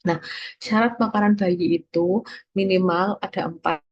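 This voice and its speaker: A woman's voice: lowish voice, steady tone, moderate pace, breathy edge, no room sound, lo-fi sound. A woman giving a recorded lecture, explaining step by step and checking in with her listeners.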